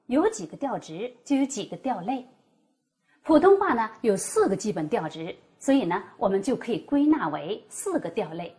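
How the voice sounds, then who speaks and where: Lady teacher going over tones, pitch swings all over, bit high voice. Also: a little mellow. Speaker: Mandarin pronunciation teacher. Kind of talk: scripted teaching dialogue.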